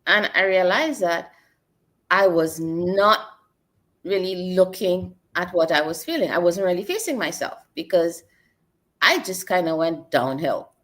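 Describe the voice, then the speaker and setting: Expressive and unhurried, her fairly low voice has a fairly bright tone. She's a middle-aged woman from Trinidad and Tobago reflecting on her life as an interview guest, earnest and personal in the telling, with phrases she returns to again and again.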